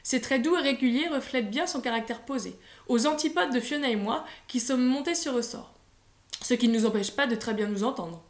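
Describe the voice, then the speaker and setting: High-voiced woman reading a storybook. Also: brisk. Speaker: audiobook reader. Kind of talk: scripted storybook narration. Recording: roomy echo.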